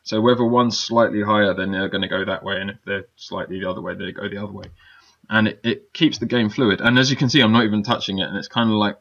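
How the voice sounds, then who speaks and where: A low-voiced man walks through a software tutorial in a loose, chatty way. He pads his talk with fillers and keeps checking in with the listener. The recording sounds dull and lo-fi. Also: creaky. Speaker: game development teacher.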